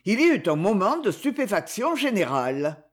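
An expressive narrator reads a classic tale aloud. The delivery is dramatic, with pitch rising and falling freely. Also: normal speed. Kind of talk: audiobook narration.

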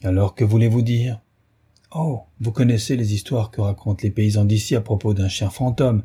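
A man reading a wary, overly polite naturalist, dark and husky. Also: on the low side, fairly even intonation, normal speed. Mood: probing. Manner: probing, overly polite questions. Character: smooth, wary male naturalist hiding alarm. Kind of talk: audiobook reading.

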